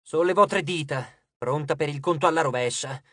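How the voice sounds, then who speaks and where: Male audiobook narrator, higher voice, scripted narration, even clear delivery, dry close sound. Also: fairly quick, no room sound.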